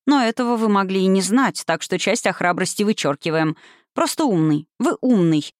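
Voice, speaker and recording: A reader voicing a sharp-tongued, ironic young woman in an audiobook, speaking in a dry, lecturing way. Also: medium pitch, animated, normal speed, no echo, lightly acted. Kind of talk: audiobook reading.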